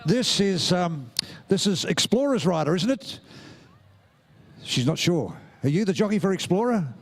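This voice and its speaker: A middle-aged Australian man calls a live pony race at an outdoor showground, talking into a handheld mic. His voice sits high and bright for a man, and he teases the young riders and rouses the crowd in a jovial, playful way. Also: big pitch swings, a little slow. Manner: jovial, teasing, crowd-rousing. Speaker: ringside announcer. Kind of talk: live event commentary.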